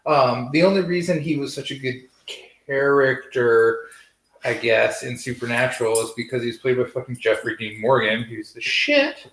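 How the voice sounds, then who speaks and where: A man's voice: mid-range voice, normal speed, a bit bright, reverberant, poor audio. A man hosting a casual TV review, rambling, sarcastic and profane. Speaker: TV review host. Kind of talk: casual spoiler review chat.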